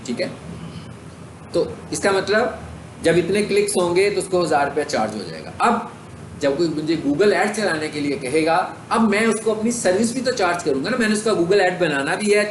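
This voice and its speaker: A man with a Pakistani accent lecturing a class on digital marketing, asking questions and answering them himself as he explains step by step. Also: high voice. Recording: echoey room, faint background hiss.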